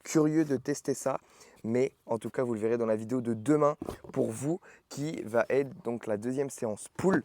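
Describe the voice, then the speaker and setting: A man's voice: medium pitch, dark tone, dry recording. A young man chatting casually to camera as a fitness vlogger, explaining with fillers and self-corrections. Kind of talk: casual vlog talk to camera.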